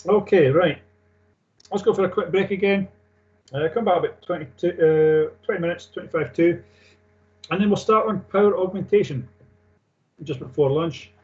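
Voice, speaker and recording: A male technical instructor lectures a class in an informal, matter-of-fact way. His voice sits a little high for a man. He reads out procedures and explains them plainly, and the recording is dull and lo-fi. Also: normal speed, long pauses, darkish tone. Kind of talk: classroom lecture on aircraft engine maintenance, reading and explaining. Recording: dull lo-fi sound.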